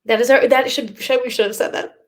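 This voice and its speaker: A woman's voice: a little high, steady tone, fast. A woman co-hosting a podcast in casual chat, bubbly and enthusiastic, laughing often. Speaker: podcast co-host.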